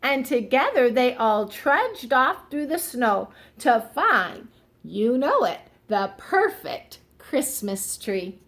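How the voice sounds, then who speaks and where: Reading a picture book to young kids, this woman uses an expressive, teacher-like style and stops to give simple word explanations. Her voice is a little high.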